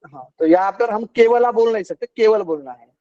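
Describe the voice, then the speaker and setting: A man's voice: high-pitched, animated, fairly quick, dark tone, dry recording, highs cut off. A male teacher giving an online philosophy class, explaining patiently and repeating key points.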